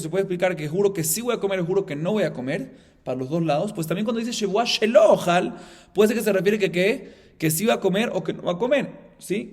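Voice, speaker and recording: A man, a rabbi, giving a Talmud class, explaining fast and acting out the case dialogue, then dropping to a low murmur to read the Aramaic. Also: darkish tone. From Colombia.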